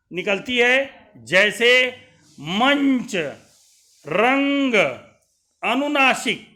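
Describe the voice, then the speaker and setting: A Hindi teacher gives an explanatory lesson in an extremely high, pushed, bright voice. He poses questions and answers them step by step, sounding out each example clearly.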